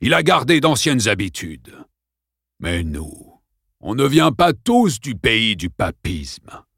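A man doing a slow, commanding villain principal. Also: mid-range voice, wildly swooping pitch, creaky, a bit bright, slightly rough, dry recording, clean studio sound, heavily acted. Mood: menacing. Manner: slow, commanding, clipped orders. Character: cold menacing middle-aged male school principal.

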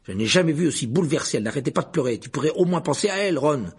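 A man voicing a pompous, bossy teenage prefect who scolds loudly. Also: a little high, expressive, very fast, slightly rough, pitched above the performer's own voice, full character voice. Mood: scolding. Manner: loud and scolding.

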